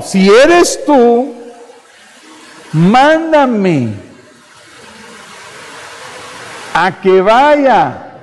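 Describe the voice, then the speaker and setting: A pastor from Guatemala preaches fervently in church, calling his listeners brother and returning again and again to the same phrases. The man's voice is on the high side and darkish, echoing with church hall reverb.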